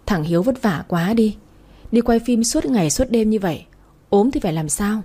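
A woman voicing a sharp-tongued, scornful old mother-in-law who scolds and wails in self-pity. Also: medium pitch, animated, normal speed, breathy edge. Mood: sighing.

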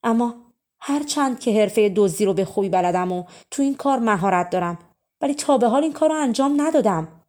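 A woman's voice: fairly high pitch, expressive, a little mellow, lightly acted. A woman voicing a humble, pleading young thief.

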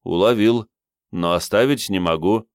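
A man's voice: on the low side, measured pace, clean tone, dry recording, studio quality. A man voicing a stubborn, defiant young squad leader who speaks tersely.

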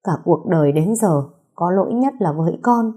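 A woman's voice: lowish voice, animated, normal speed, warm tone, slightly rough. A woman voicing a remorseful middle-aged mother who chokes out tearful apologies. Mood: remorseful, sobbing.

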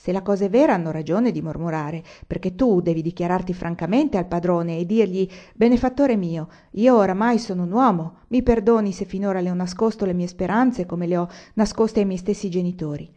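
A woman reading aloud and voicing a slow-spoken old peasant father who lectures his son in a novel. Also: high-pitched, dark tone, highs cut off, natural voice. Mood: lecturing.

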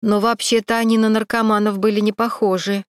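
A woman voicing a male camera operator who talks steadily and tries to calm a crying colleague. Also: mid-range voice, brisk, clean tone, dry recording, studio quality, natural voice. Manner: steady and soothing.

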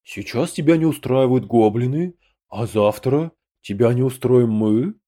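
A man's voice: medium pitch, measured pace, dark tone, close to an everyday voice. A male narrator voicing a portly, principled human emperor who speaks of himself as "we" in an audiobook. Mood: dignified.

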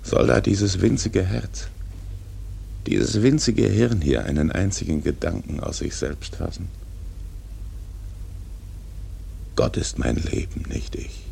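An actor playing a brooding, tormented old sea captain in a literary radio drama, solemn and haunted, with a gravelly, husky voice. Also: male voice, low-pitched, a little slow, mellow, heavily acted. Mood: anguished questioning.

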